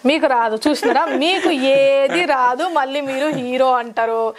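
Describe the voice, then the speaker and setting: Woman host, high voice, teasing and impatient with the guest. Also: a crowd in the background. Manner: brisk, pushy, mocking. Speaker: interviewer. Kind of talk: teasing audition interview.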